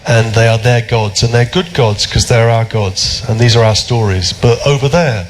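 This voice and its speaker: A British man, a philosopher as guest at a public talk, speaking in an animated, chatty storytelling way with many fillers and restarts. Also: medium pitch, moderate pace, a little hiss or hum, low-quality recording. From Britain.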